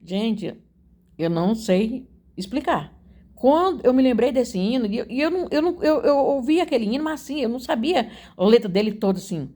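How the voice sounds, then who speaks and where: Woman, fairly high-pitched, emotional religious testimony, earnest, repetitive, speaks straight to listeners. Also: expressive, a little fast, mellow. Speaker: believer giving a testimony.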